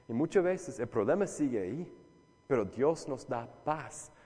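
A man preaching a conversational sermon as a pastor, asking listeners direct questions and dropping from loud emphasis to hushed, soft lines. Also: medium pitch, animated, measured pace, breathy edge. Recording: long reverb of a large hall.

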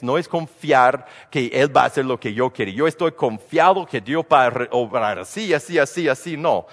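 Male pastor, conversational sermon, mid pitch, long hall reverb. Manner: conversational preaching with frequent restarts and rhetorical questions.

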